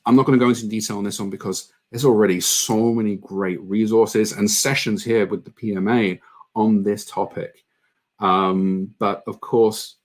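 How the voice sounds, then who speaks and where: A man giving an online conference presentation on product marketing, earnest and conversational with frequent ums. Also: on the low side.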